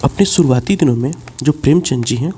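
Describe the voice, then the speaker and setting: A man's voice: mid-range voice, lively intonation, warm tone, slight background noise. A man teaching a class as a lecture, explaining step by step and repeating key points. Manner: explains slowly, repeats key points, mixes in English words.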